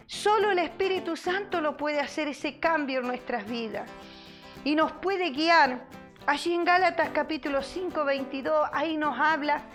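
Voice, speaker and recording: A woman pastor giving a sermon in an earnest preaching manner, repeating key phrases and pausing between them. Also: high voice, fairly bright tone. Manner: earnest preaching with repetitions and pauses.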